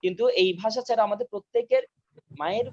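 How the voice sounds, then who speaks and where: High-voiced man teaching a class online. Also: muffled recording. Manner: repeats key terms slowly for notes. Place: home, video call. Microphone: video call mic.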